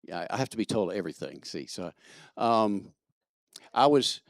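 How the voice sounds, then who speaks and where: A man from Kentucky reads out the church announcements in a low voice, chatty and quick to joke, stumbling over fillers as he goes. His voice comes across close and dry. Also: lively intonation, creaky, dry recording. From Kentucky, USA. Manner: chatty, joking, halting with fillers. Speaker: platform assistant. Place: church service.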